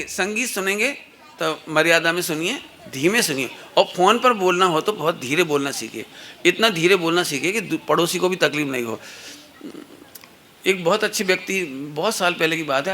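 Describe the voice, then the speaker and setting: Middle-aged male spiritual teacher, high bright voice, anecdotal and playful, faint room ambience behind. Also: slight background noise. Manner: anecdotal, playfully acts out quoted people. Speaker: religious teacher. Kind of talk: satsang discourse to children and parents.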